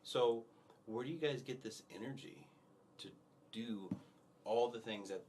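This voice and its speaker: A man's voice: mid-range voice, unhurried, darkish tone, a little hiss or hum. A man hosting a casual interview who asks friendly, encouraging questions and often restarts his sentences. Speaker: interviewer, host.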